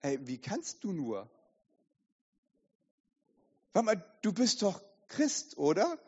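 A man voicing a sly, whispering devil figure that tempts and then scolds, in a low, hushed voice, recorded in an echoey hall with dull sound. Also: very animated, measured pace, husky, heavily acted. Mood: scolding.

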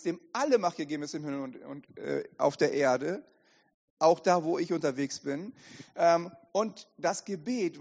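A man preaching as a pastor, lively and direct, often asking the congregation questions, recorded in an echoey hall with dull sound. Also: sits high. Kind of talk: sermon.

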